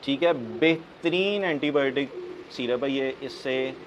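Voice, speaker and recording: A pigeon keeper from Pakistan speaks at a measured pace in a mid-range voice, casually explaining how to look after pigeons. "Theek hai" comes up again and again, and birds can faintly be heard behind him.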